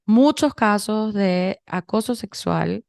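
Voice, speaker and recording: A woman in her thirties from Venezuela with a Venezuelan Spanish accent, co-hosting a podcast and telling stories in a chatty, animated way with many restarts. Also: medium pitch, slow, gravelly, dry recording, clean studio sound. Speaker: podcast co-host. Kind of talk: casual conversation.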